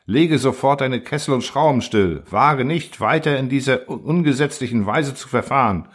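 A man doing indignant old elders, raised and husky. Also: mid-range voice, animated, normal speed, pitched above the performer's own voice, natural voice. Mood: outraged. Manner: outraged, raised, accusing.

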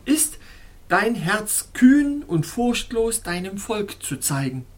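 A woman's voice: mid-range voice, very animated, slow pace, pitched above the performer's own voice. A woman voicing an earnest, wise little male baron in a storybook reading, speaking solemnly and reassuringly.

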